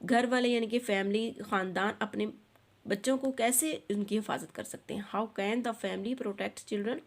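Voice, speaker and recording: Woman tutor, mid pitch, reads English slow then explains fast. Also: gravelly. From Pakistan. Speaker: teacher. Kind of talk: online textbook lesson.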